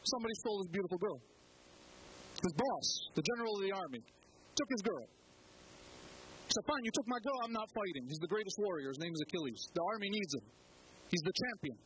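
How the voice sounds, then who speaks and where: A man giving an animated spoken-word talk at an open mic, with dramatic pauses and sudden jumps in pitch for emphasis. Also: noisy background.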